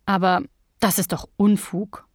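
A woman's voice: mid-range voice, flat delivery, measured pace, darkish tone, no room sound, close to an everyday voice. Grumbling, jealous young workshop apprentice, read by a woman, scornful, dry close sound.

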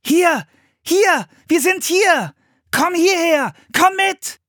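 A man's voice: very high voice, animated, very slow, a bit bright, no room sound, clean studio sound, pitched above the performer's own voice, heavily acted. A man reading an audiobook and voicing a determined boy who presses the others on with raised, urgent calls. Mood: shouting.

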